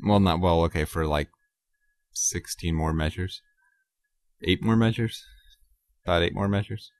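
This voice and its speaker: A man hosting his own podcast, talking casually and haltingly about composing, with many ums and self-corrections. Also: deep voice, no room sound, studio quality. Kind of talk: casual solo talk about his music.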